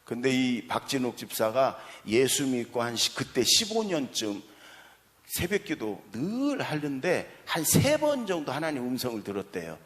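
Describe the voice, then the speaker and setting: A man preaches from the pulpit in a chatty, storytelling way, breaking off to talk directly to his listeners. His pitch rises and falls a great deal as he plays out the lines of the people in his story. Long church reverb follows each phrase. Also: normal speed. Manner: acts out quoted dialogue with lively swings in pitch; conversational, asides to the congregation. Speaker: pastor. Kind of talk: sermon with storytelling. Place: church sanctuary.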